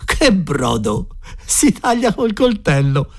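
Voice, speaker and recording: A man's voice: sits high, big pitch swings, fast, darkish tone, pitched above the performer's own voice. A man voicing a naive, grumbling young kitchen hand who whines in dismay. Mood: whiny, disgusted.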